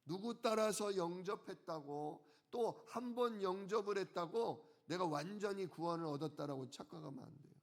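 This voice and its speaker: A male pastor preaching a sermon, who asks the congregation questions and answers them himself, and slows down to stress key words. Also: sits high.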